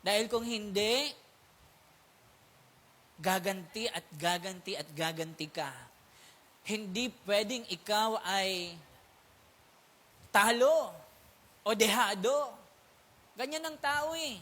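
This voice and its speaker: Male pastor giving a sermon, bright voice, lively storytelling, keeps asking if you're still there. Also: high-pitched, takes it slowly, long pauses. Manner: mixes English words into speech; animated storytelling with acted quotes. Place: church prayer meeting.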